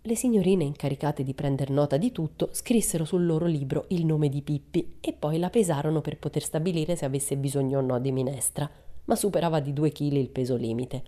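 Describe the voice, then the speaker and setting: Female storybook narrator, low-ish mellow voice, calm reading. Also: a little fast.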